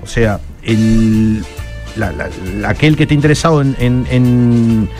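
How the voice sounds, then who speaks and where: A man's voice: mid-range voice, unhurried, darkish tone, soft background music. A man from Italy, a radio guest who explains citizenship matters with many restarts and repeated words. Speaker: guest advisor on Italian citizenship.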